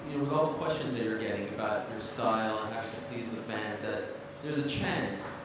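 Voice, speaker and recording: A man's voice: fairly low pitch, brisk. A man working as a reporter, putting long questions to people at a press conference. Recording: cavernous echoey hall, distant, noisy.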